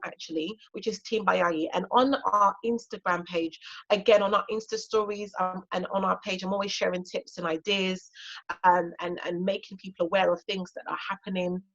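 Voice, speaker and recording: In an informal online session, a thirtysomething woman from Ghana who grew up speaking Twi encourages homeschoolers as a guest speaker, using lots of fillers. She talks at a moderate pace in a medium-pitched, fairly bright voice, captured with lo-fi sound.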